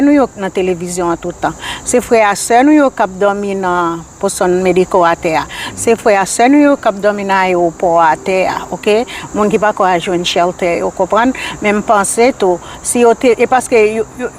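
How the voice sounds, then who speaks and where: An older woman from Haiti with a Haitian Creole accent, speaking as a community activist guest in a casual interview, earnest and repetitive, with halting phrasing. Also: medium pitch, a little hiss or hum.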